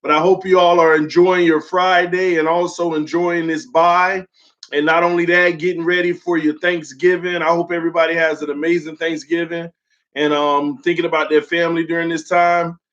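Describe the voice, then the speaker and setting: A young man hosts a sports fan livestream at normal speed, his fairly high, flat voice still sore from illness. He's loose and friendly, leaning heavily on "um" fillers, calling viewers "man" and "y'all" while reading their comments, all through dull, muffled lo-fi stream audio.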